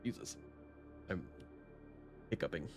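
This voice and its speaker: A man's voice: slow pace, music in the background. A man streaming himself reading a horror story aloud in a casual way, often stumbling and restarting his sentences.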